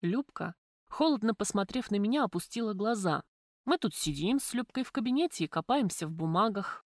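A woman reading a first-person audiobook in an even, steady storytelling manner. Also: mid-range voice, fairly quick, no echo, clean studio sound. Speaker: audiobook narrator.

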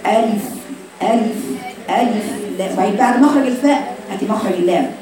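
Egyptian woman recitation teacher, quick, quizzing her class; mic far off in a very echoey room with students murmuring. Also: medium pitch, crowd noise. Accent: Egyptian Arabic. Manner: drills students with rhetorical questions, models slow recitation. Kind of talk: classroom lesson. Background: students present.

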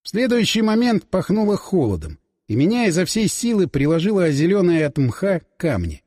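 A man narrating a first-person audiobook in a dramatic, expressive reading. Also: sits high, fairly quick. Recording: dry close voice with long reverb.

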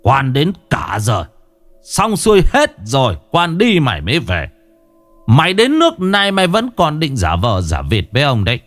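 A man's voice: fairly low pitch, very animated, normal speed, a little mellow, no room sound, faint music behind. A man voicing a wrathful old village chief, scolding his servant with insults. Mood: angry scolding.

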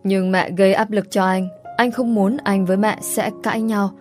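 A woman voicing a gruff, blunt young husband with a curt, rough way of speaking, read in a storybook style. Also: mid-range voice, steady tone, moderate pace, darkish tone, soft background music, natural voice.

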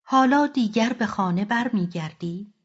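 A woman voicing a caring young daughter who speaks gently and reassuringly, in a slightly dull recording. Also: fairly high pitch, expressive, slightly rough. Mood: sympathetic.

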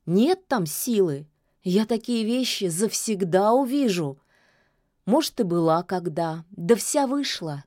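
A woman's voice: mid-range voice, animated, takes it slowly, mellow, no room sound, clean studio sound. A woman voicing a grumbling old forest witch. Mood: muttering. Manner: muttering, scolding, folksy. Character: grumbling old forest witch, sharp-tongued but kindly.

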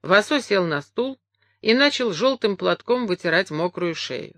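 A woman reading a memoir aloud as an audiobook narrator, measured and expressive. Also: mid-range voice, no echo. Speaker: audiobook reader.

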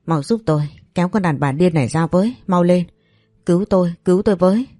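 A woman's voice: fast talker, dark tone, no room sound, clean studio sound, soft background music, close to an everyday voice. A woman voicing a scheming, spiteful young rival woman in a storybook, sly and taunting. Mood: shrieking. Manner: sly and taunting, then shrill and whining.

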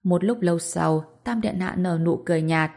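A woman narrates a story in a calm, even way. Her voice sits somewhat low for a woman. The reading is steady and scripted. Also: moderate pace, gravelly.

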